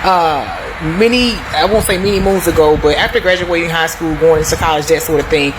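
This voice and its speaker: With a deep voice and a fairly quick pace, a U.S. woman hosting a video tells stories and gives opinions to viewers, casual, emphatic and prone to digressions. The recording carries clear background noise.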